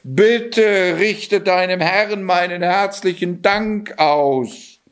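A man's voice: high-pitched, drawn-out words, pitched above the performer's own voice. A man doing a vain, pompous king. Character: proud, vain middle-aged king.

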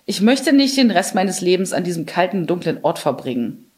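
A woman's voice: fairly low pitch, big pitch swings, normal speed. A woman voicing a young boy who turns sulky and snappish in a storybook reading. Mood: pleading. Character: young boy, cold and sulky under a spell.

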